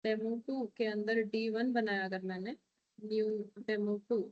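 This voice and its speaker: The speaker is a woman with an Indian accent and a medium-pitched voice, fairly even in intonation and a little slow. She codes live for a programming class, alternating between Hindi and English and frequently making sure her students are with her. The recording is dry and dull.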